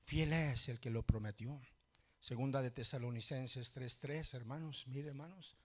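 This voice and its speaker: A male pastor preaching a sermon in a church, repeating "hermanos" constantly and swinging from low murmurs to loud shouts. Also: a little slow.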